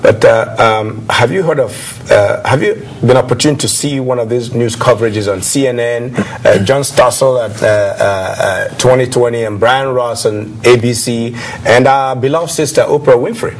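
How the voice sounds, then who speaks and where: A man hosting a TV talk show, speaking haltingly with many fillers. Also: medium pitch, slight background noise. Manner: hesitant, many filler sounds.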